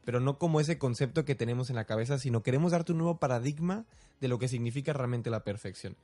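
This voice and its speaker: A man's voice: mid-range voice, fast, mellow. Man, young adult, co-host, casual chat, reflective, rhetorical questions.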